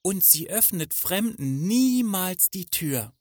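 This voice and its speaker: A man voicing an excitable little girl in a fairy tale, speaking in a high, bright childlike voice. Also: slow, no echo, studio quality, full character voice. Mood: anxious.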